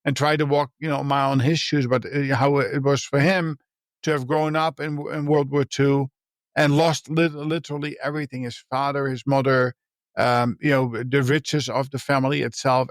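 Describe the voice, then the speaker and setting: A man speaks as a podcast guest, telling his story earnestly and haltingly, often starting sentences over. His voice sits at an ordinary middle pitch. The recording is close and dry, with almost no room sound. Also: no room sound. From Netherlands. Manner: earnest and halting, with frequent restarts. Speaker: podcast guest, leadership coach and mentor. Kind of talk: reflective personal storytelling in a podcast interview.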